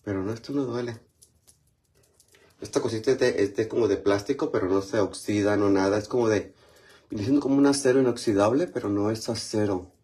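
A chatty Mexican man hosting a casual livestream. His voice sits a little low, and his talk is loose and slangy as he greets viewers by name while doing his skincare. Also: a little fast, a little mellow. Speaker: livestream host.

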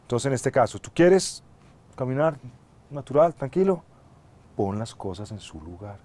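Reflective middle-aged man, mid-pitched. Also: sing-song, warm tone. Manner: reflective, measured, earnest. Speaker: actor guest. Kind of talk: studio interview answers. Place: TV studio set, seated in armchair.

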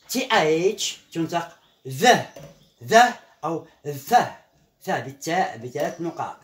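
A woman's voice: deep voice, reverberant. A woman teaching a beginner language lesson at a board, patiently repeating each sound several times. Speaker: English teacher.

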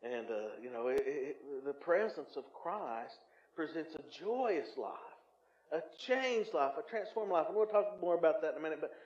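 A man preaching, his voice sitting fairly high. He tells folksy stories, stumbles through fillers and restarts, and pushes louder on key points. The sound is roomy and a little dull, as from a church recording. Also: animated, normal speed. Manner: folksy storytelling with frequent fillers and restarts, swells loud for emphasis. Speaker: pastor. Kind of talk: sermon. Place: church sanctuary.

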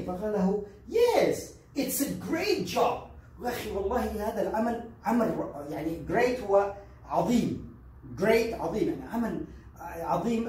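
English teacher, slow modeled phrases. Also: male voice, sits high, a little mellow, slight background noise. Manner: explains in Arabic, slowly models English phrases. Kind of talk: bilingual language lesson. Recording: echoey room from far off.

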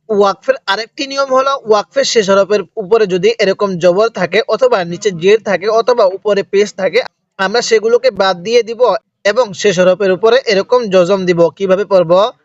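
Male Quran teacher, high voice, slow recitation between quick explanations, asks and answers his own questions, dry dull sound. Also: no echo. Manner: asks and answers his own questions, has listeners repeat after him.

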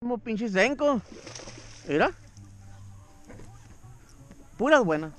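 A man, chatting excitedly and swearing freely while fishing, recorded outdoors on a boat by an action camera. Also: extremely high pitch, slow pace, faint music behind. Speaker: angler filming his fishing trip. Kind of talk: casual fishing vlog banter. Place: outdoors on a bass boat on a lake. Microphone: first-person action camera.

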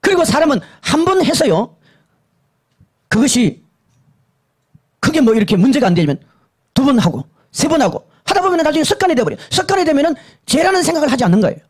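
A male pastor preaching a sermon that recounts a vision, emphatic and repetitive, dropping to hushed lows and rising to urgent highs. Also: big pitch swings, quick pace, long pauses. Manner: emphatic and repetitive, swinging between low hushed and high urgent tones.

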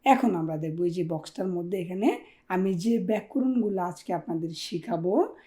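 A woman's voice: on the low side, animated, moderate pace, mellow. A woman teaching a Korean language class, repeating each word and checking in often with her learners. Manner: checks in often with rhetorical questions; drills words by repeating them. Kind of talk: classroom explanation.

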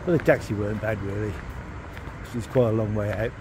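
A man casually narrating his travel vlog while walking at night, relaxed and rambling. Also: lowish voice, moderate pace. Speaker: vlogger. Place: outdoors at night on city streets. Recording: noisy street recording. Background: street traffic noise.

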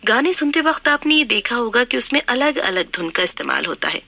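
A woman reading a scripted book summary in an even, instructive way. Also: medium pitch. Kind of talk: scripted narration.

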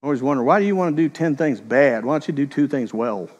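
A middle-aged man preaching a sermon, telling stories in a conversational way and slipping into quick voiced quotes. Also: mid-range voice, lively intonation, a little mellow, in a large hall, highs cut off. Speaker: pastor.

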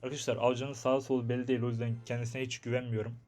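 A young man talks his way through a mobile game match. His commentary is chatty and excitable, and he keeps addressing his viewers while muttering to himself. His voice sits at an ordinary middle pitch for a man. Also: racing. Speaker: gaming YouTuber. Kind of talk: live gameplay commentary.

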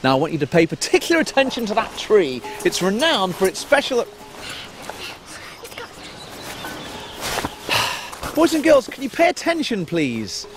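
Excitable high-pitched male kids show host. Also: brisk, background noise. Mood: exasperated lecturing. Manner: kids show host, exclaiming and mock-stern. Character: fussy, excitable man leading children's camping trip. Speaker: children's TV show presenter. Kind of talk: scripted children's comedy acting.

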